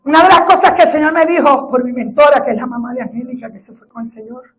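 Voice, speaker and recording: A middle-aged Puerto Rican woman pastor preaching a sermon, telling a personal testimony that builds to fervent shouting. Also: high voice, fast talker. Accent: Puerto Rican Spanish. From Puerto Rico.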